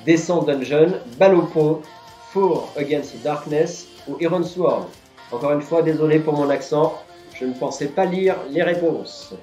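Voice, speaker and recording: A man's voice: a little high, measured pace, dark tone. A man hosting a live-streamed board game quiz, reading the questions and patiently explaining each answer. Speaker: quiz host. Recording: roomy, dull lo-fi sound, faint music.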